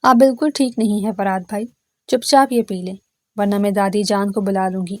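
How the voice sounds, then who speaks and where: A woman voicing a spirited young woman with a sharp, bossy manner. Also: mid-range voice, fairly even intonation, dry recording, natural voice.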